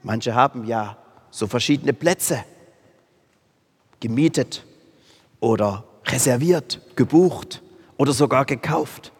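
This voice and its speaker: A man with a slightly high, husky voice delivers a sermon at an unhurried pace. He leans on repeated phrases with emphasis. The sound carries a long reverb, as in a church hall. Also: darkish tone. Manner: slow, emphatic preaching with stressed repetitions. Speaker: preacher.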